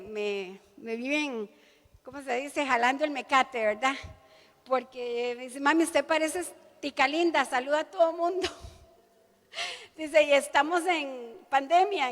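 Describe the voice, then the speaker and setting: A woman preacher giving an earnest church sermon, often checking in with her listeners. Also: high voice. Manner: earnest, often adds the tag "¿verdad?". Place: church hall. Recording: long church hall reverb.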